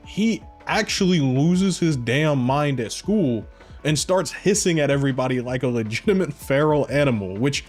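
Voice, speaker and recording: Male video reviewer, casual chatty commentary, mid pitch, soft music bed. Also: expressive, normal speed. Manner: chatty, with offhand asides. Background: faint background music.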